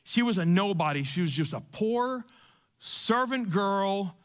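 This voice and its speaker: High-voiced emphatic male preacher. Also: expressive, measured pace, clean tone. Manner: conversational, emphatic, repeats phrases. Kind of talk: sermon.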